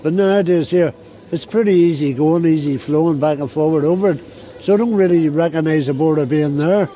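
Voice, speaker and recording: Seated outside on a busy street, a man from Belfast speaks plainly in a Northern Irish accent for an interview, repeating himself often. His voice is fairly high and dark in tone, and he speaks a little fast.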